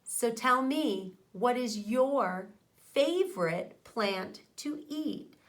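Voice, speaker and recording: Speaking into a boom-arm mic positioned close to her mouth indoors, a middle-aged woman who teaches elementary school reads expressively to young children and addresses them directly. Her voice sits fairly high, and she draws out her words.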